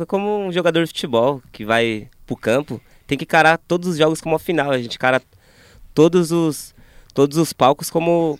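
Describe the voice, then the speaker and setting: A man with a smooth, clear voice answers earnestly about his band, steady and sincere. The sound is dry and close. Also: medium pitch, no echo. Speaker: band member. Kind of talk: casual interview talk.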